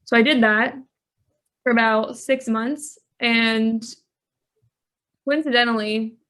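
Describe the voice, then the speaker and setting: A woman's voice: a little high, steady tone, slow pace, fairly bright tone. A woman life coach on a podcast, telling her story earnestly with lots of "like" fillers. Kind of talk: podcast interview.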